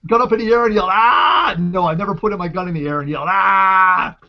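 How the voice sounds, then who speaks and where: A man on a podcast, chatting casually in an excitable, profane way and repeating himself when worked up. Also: sits high, racing. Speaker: podcast co-host. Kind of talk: casual chat. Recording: dull lo-fi call audio with faint hiss.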